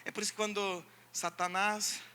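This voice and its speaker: High-voiced pastor preaching. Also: male voice, flat delivery, normal speed, slight background noise. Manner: emphatic preaching that swings from loud calls to hushed asides. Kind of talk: sermon.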